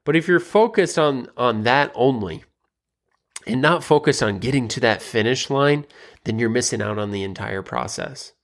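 Rambling male podcast host. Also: moderate pace. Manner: rambling, with many fillers and restarts; grows more emphatic and pitch rises toward the end. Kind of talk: casual motivational monologue.

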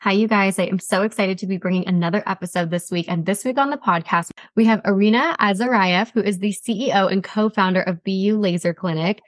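A woman's voice: medium pitch, a little fast, hardly any pauses, soft background music. Upbeat woman hosting a beauty podcast. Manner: upbeat, enthusiastic, says "kind of" a lot. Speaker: podcast host. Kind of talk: casual podcast interview.

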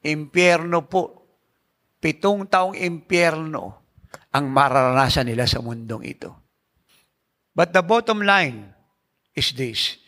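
A man's voice: fairly high pitch, lively intonation, slow, long pauses, pushed and bright. A male pastor preaching a sermon emphatically, asking the congregation rhetorical questions and mixing in English phrases.

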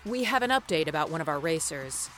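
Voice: mid-range voice, expressive, fast talker, fairly bright tone, faint music behind, lightly acted. An actor playing an evasive corporate spokeswoman in a comedy audio drama.

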